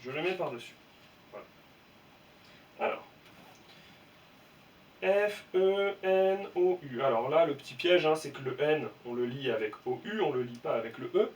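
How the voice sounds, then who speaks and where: A man teaching a young class to read, slowly and patiently spelling out letters and sounds. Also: medium pitch, lively intonation. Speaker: primary school teacher. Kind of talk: reading lesson for young children. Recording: voice from some distance, faint room noise.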